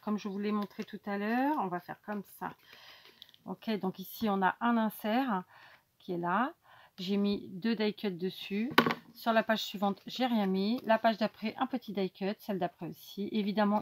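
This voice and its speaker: Woman, craft tutorial host, chatty and unscripted, thinks out loud. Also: mid-range voice. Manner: chatty, thinking aloud with many fillers.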